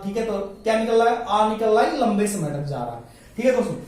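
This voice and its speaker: A male teacher giving an exam-prep lecture, asking questions and answering them himself, stretching the vowel sounds slowly while writing on a board. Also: high voice, lively intonation, a little mellow. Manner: addresses listeners as friends. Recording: very echoey room, voice from some distance to the mic.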